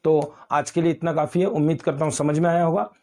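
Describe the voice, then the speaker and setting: A man teaching grammar in an online exam-prep lecture, explaining slowly with repeated examples and calling his students beta. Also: a little high, fairly even intonation, mellow.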